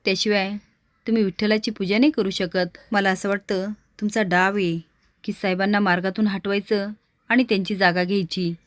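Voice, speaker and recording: A woman's voice: mid-range voice, fairly even intonation, no room sound, close to an everyday voice. A woman voicing a defiant young man. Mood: accusing. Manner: firm, accusing, quick. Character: young man standing up to a scheming rich woman.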